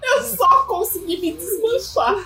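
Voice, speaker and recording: A woman co-hosting a podcast, chatting casually and telling animated stories with frequent laughter. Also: very high voice, measured pace, vocal fry, a crowd in the background. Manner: animated storytelling, laughs often. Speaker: podcast co-host. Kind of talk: casual chat.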